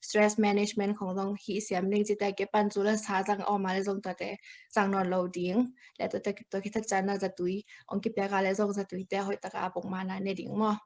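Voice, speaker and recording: Flat-voiced woman giving a health talk. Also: medium pitch, a little fast. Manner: hesitant, with many fillers and English medical terms. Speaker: health presenter.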